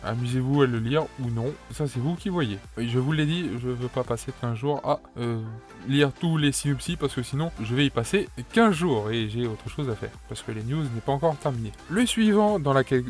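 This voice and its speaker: A man with a French accent giving casual anime news commentary, rambling with lots of fillers and restarts. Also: medium pitch.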